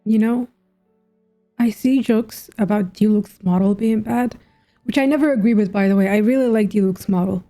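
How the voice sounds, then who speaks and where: A young woman gaming streamer gives casual let's-play commentary, musing aloud half to herself. Her mellow voice is medium-pitched at a normal speed, with game music playing behind it.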